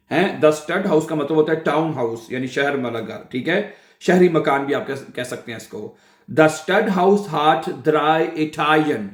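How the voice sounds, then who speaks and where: A man teaching German vocabulary in Urdu. He pronounces the German words slowly and carefully, then explains them quickly with many fillers. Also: a little high. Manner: fills the talk with "ठीक है" and "अ". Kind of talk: language lesson in Urdu. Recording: echoey room.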